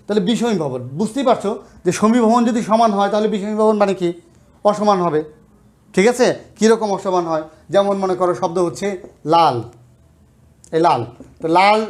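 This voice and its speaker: A man's voice: sits high, a little mellow. A man from Bangladesh, a college lecturer, giving a grammar lesson and explaining step by step, often checking in with rhetorical questions.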